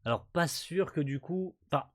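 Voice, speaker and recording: A man hosting a casual manga chapter reaction, excitable, swearing and laughing as he reads panels aloud. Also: a little high, moderate pace.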